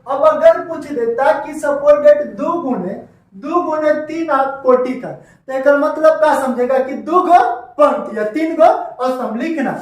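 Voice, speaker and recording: High-voiced Bihari maths teacher, echoey room. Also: male voice, measured pace, distant mic. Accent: Bihari Hindi. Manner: repetitive, voices students' questions back to them. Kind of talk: classroom maths lesson.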